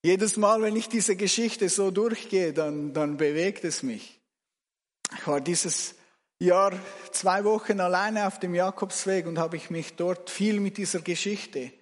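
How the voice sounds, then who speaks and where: A man preaching, guiding his listeners through a story in a slow, expressive voice that swings between loud and hushed. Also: high-pitched, big-room sound. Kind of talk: guided imaginative sermon.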